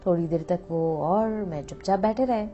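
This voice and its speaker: Woman narrating a story, mellow voice. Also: fairly low pitch, moderate pace. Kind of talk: first-person story narration. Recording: dull lo-fi audio with faint background music.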